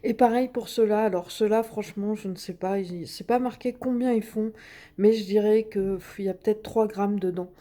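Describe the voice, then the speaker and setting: A woman's voice: medium pitch, fairly even intonation, moderate pace, warm tone. A woman casually demonstrating craft supplies, chatting with many fillers and little sounds as she works. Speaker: craft video host.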